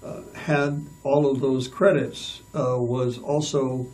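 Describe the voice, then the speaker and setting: A man hosts a relaxed interview, with a mellow voice. He keeps backing his guest with short affirmations. He sounds a little far from the mic. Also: mid-range voice, slow. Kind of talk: casual interview.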